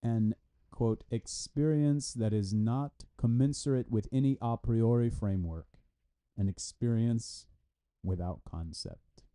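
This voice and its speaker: Taking his time, a man with a dark, mid-range voice reads a translated academic philosophy article in a formal, scripted manner. He says the punctuation and citations out loud.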